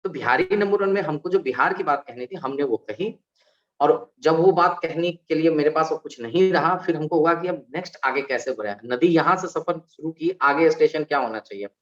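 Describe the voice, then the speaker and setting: A man, an alumni guest on a panel, talking in an animated way and explaining with examples and rhetorical questions. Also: fairly high pitch, normal speed. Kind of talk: conversational panel talk. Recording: dull lo-fi recording.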